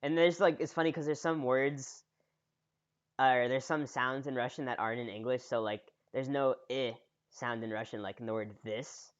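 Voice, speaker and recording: Male podcast co-host, mid-pitched, laid-back filler-heavy chat, slightly lo-fi recording. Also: moderate pace. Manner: relaxed, heavy use of "like" and "uh". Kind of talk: casual chat.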